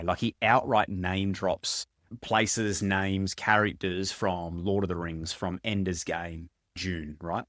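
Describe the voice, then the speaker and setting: Guy, lowish voice, chatty book-vlog rambling, dry close mic. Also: dry recording. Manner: chatty, rambling, self-correcting, animated pitch jumps. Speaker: book reviewer. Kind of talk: casual reading-reaction vlog.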